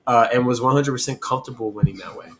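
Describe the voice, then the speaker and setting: A man hosting a podcast, talking through fights casually with lots of pauses and "I mean". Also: mid-range voice, poor audio. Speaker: podcast host.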